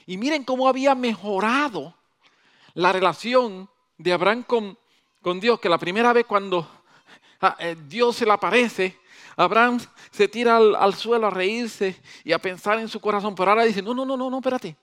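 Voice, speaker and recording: A male pastor preaching a sermon in an animated way, swinging between loud emphasis and soft asides. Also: sits high, normal speed.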